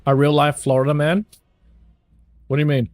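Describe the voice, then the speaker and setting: A man's voice: a little high, flat delivery, moderate pace, a little mellow, no room sound. Joking young Kiwi man, dry sound. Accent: New Zealand. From New Zealand. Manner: loose and jokey, swears freely, laughs often. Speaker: streamer chatting with viewers. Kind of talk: casual chat.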